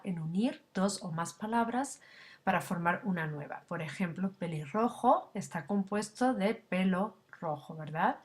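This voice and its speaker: A woman language instructor giving a recorded slide lecture, explaining step by step with frequent fillers and tag questions. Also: fairly low pitch.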